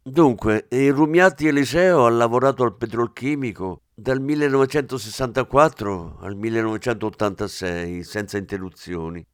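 A man's voice: mid-range voice, moderate pace, few pauses, no room sound, studio quality, lightly acted. A man reading the part of an eager young male police officer giving a report.

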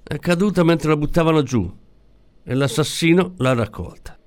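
A man voicing a calm, pensive male police commissioner who speaks in a slow, musing way. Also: on the high side, pitched above the performer's own voice, natural voice.

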